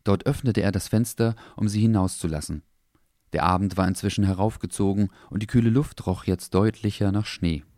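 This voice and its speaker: Deep calm storyteller man. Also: a little fast, no room sound, clean studio sound. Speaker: narrator. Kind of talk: children's story narration.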